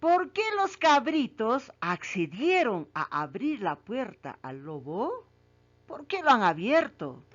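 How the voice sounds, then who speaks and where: A woman's voice: on the high side, sing-song, takes it slowly. A woman teacher asks children questions about a story, repeats each question, and then confirms the right answer. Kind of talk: reading comprehension quiz for children. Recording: muffled lo-fi recording.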